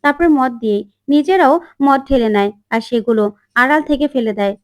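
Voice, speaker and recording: Lady narrating a tv serial recap, kinda high voice, does all the parts herself. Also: brisk, smooth, no room sound, studio quality. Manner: reads all characters' lines herself, voices slightly shifted. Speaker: narrator retelling a TV serial episode. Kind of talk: storytelling recap with acted dialogue.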